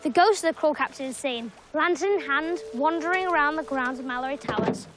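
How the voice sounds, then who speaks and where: A woman's voice: sits high, brisk, background noise, natural voice. A female actor playing a young teller of local ghost legends in a television drama. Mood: mysterious.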